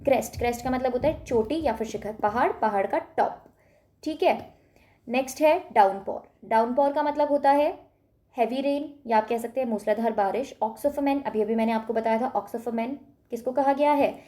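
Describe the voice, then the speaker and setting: Woman, teacher, young adult, slightly high voice, warm mellow tone, checks for understanding often. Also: normal speed. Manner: repeats questions and answers them, frequent "thik hai?" checks. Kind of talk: Hindi-English classroom lesson explaining a chapter.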